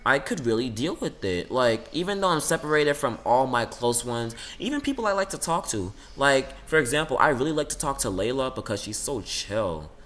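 A teenage boy in a casual, rambling monologue about his classmates, saying "like" constantly and swinging his pitch up and down. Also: moderate pace, hardly any pauses. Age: teens. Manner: rambling, says "like" a lot, lively swings in pitch. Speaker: student vlogger.

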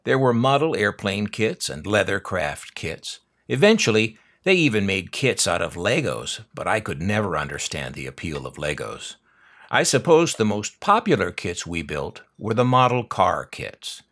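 An older American man who hosts a collector's unboxing channel narrates in a fairly low, fairly bright voice whose pitch rises and falls dramatically. He is very animated and speaks at a normal speed. His wry, nostalgic, dryly humorous delivery sounds like a prepared unboxing script, sprinkled with dry asides.

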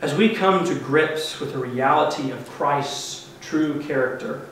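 A man's voice: on the high side, unhurried, fairly bright tone, recorded from a distance, a little hiss or hum. A man in his thirties, a pastor preaching an earnest, emphatic sermon from a pulpit in a church sanctuary. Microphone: far camera mic, no visible microphone. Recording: very echoey church heard from afar.

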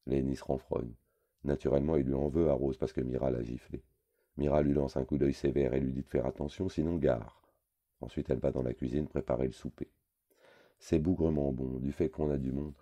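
A man narrates a novel in the first person with an extremely low, dark voice. His reading is wry and conversational, like telling a story across a table. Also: highs cut off. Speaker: audiobook reader.

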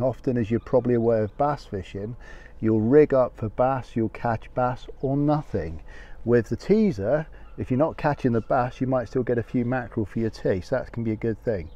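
A man's voice: mid-range voice, warm tone. A man in his fifties, sitting outdoors and chatting to camera with a lapel mic as he explains his fishing rig in a casual, practical way. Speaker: fishing vlogger. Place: outdoor wooden deck by the sea. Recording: slightly dull lo-fi audio.

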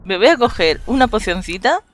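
A woman's voice: mid-range voice, very animated, a little fast. A woman with a Spain Spanish accent, giggling and joking in cutesy diminutives while playing a game. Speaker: gamer. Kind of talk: casual gameplay banter.

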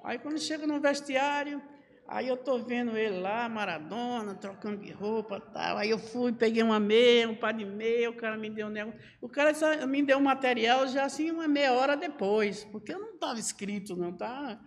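A man, talking as a podcast guest and spinning his stories with lively energy, slipping into other people's voices as he goes. His voice sits unusually high for a man. The sound carries a long, hall-like reverb. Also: moderate pace. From Northeast Brazil. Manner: lively storyteller who acts out other people's lines. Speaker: podcast guest, former footballer. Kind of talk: animated storytelling interview.

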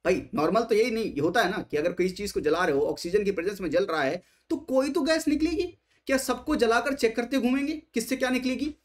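A man's voice: very high voice, animated, fast talker. A man teaching exam strategy, speaking emphatically, asking rhetorical questions and mixing English terms into his Hindi.

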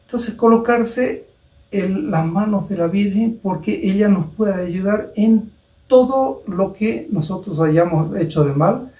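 A man's voice: sits high, mellow, muffled recording. Man preaching through a story. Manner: deliberate, with rhetorical questions to listeners. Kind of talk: storytelling sermon. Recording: roomy echo, distant mic.

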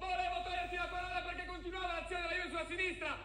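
An Italian man in his forties giving breathless, excited, shouted goal commentary as a football commentator. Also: extremely high pitch, very fast, roomy sound. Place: TV studio. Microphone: lapel mic.

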